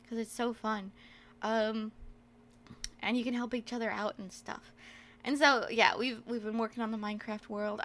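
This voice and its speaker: On her debut stream, a young woman introduces herself in a cute, playful anime-streamer style, giggling and laughing often as she rambles with some self-deprecation. Her voice is on the high side and fairly bright.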